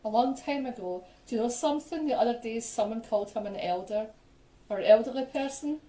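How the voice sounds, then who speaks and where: A woman's voice: a little high, brisk, mellow, recorded from a distance. A tipsy woman, joking and teasing playfully in a casual chat at home. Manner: teasing, wisecracking, playfully self-mocking. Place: home, in front of a ring light. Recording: echoey room.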